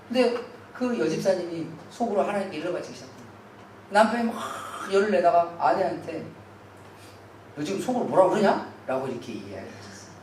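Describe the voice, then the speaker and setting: A man preaching a Sunday sermon as pastor, earnestly putting rhetorical questions to the congregation. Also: fairly high pitch. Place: church sanctuary. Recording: very echoey hall, distant mic, faint hiss.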